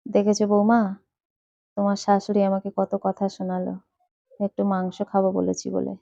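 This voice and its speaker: A stubborn, fussy old aunt who won't give up her meat, as a woman storyteller puts her on. The voice is mellow and dry, heard through a dull, lo-fi recording. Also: mid-range voice, little pitch movement, normal speed, gravelly, no echo, natural voice. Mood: pleading. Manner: stubborn, pleading. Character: fussy elderly aunt-in-law craving meat.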